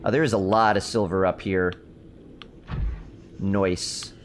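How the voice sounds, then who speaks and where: A man's voice: low voice, steady tone, slow pace, a little hiss or hum. A young man chatting casually while streaming a survival game, rambling through stories and answering his chat. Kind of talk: casual gameplay commentary.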